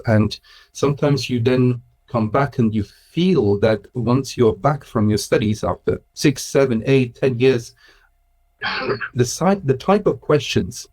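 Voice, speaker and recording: A man's voice: medium pitch, darkish tone. Swiss-raised man in his thirties, interview guest, thoughtful and chatty with easy laughs. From Switzerland. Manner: thoughtful, with frequent restarts and laughs. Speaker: guest, Islamic school director. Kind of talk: casual conversational interview.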